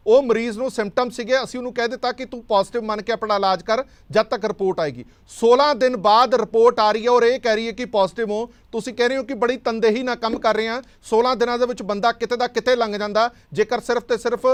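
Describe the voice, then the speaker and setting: A man's voice: extremely high pitch, fairly even intonation, quick pace, hardly any pauses, clear, resonant tone. A man anchoring a heated television panel debate, pressing guests and cutting in to keep time. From Punjab.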